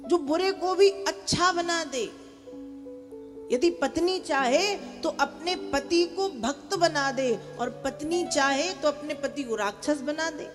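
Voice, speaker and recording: High-voiced woman preaching in a hall. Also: slow pace. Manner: animated, urges the audience to chant and clap. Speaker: devotional storyteller. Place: large hall with a live audience. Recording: long hall reverb with faint music.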